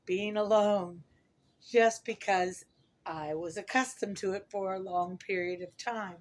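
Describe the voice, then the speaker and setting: A middle-aged woman with a hoarse voice from talking a lot, chatting casually and ramblingly to her viewers as she corrects herself. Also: mid-range voice, measured pace. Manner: rambling, self-correcting, chuckles at own remarks. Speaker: vlogger. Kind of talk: casual chat to camera.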